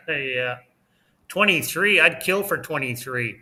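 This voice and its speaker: A man co-hosting a casual livestream chat from his home, talkative and quick to laugh. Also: a little high, animated, bright, forceful tone. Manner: chatty, laughs often. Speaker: livestream co-host. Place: home in Mexico.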